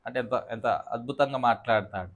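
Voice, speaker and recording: A middle-aged man with a Telangana Telugu accent preaching a sermon. He swings between loud exhortation and low asides, and he keeps asking the congregation questions. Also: brisk. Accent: Telugu, with Telangana words. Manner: often asks the audience "ఏమండి?". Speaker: pastor.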